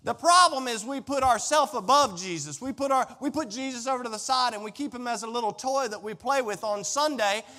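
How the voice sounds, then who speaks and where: Very high-pitched, bright and forceful, this man preaches briskly with few pauses. As a pastor addressing a congregation in a large indoor room, he is emphatic, folksy and direct, repeating phrases, while the reverberant hall rings with long echo.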